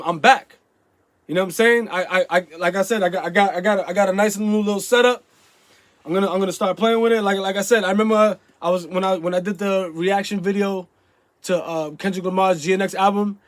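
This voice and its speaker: A man with a stuffy nose chatting casually to his viewers, rambling with lots of restarts and fillers, and breaking into loud, emphatic outbursts. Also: high-pitched, no room sound. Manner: bursts into loud emphatic yelling. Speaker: YouTube vlogger. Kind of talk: casual vlog chat to camera.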